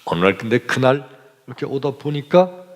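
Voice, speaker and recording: A male pastor preaching a sermon, telling a childhood story with animated delivery, in a church sanctuary. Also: normal speed. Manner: animated storytelling, lively swings in pitch. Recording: long church hall reverb.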